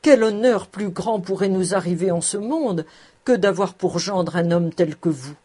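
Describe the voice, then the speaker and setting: A woman's voice: on the low side, measured pace, dark tone, breathy edge. A woman reading an earnest old farmer. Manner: earnest, pleading. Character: humble old male farmer, earnest and emphatic.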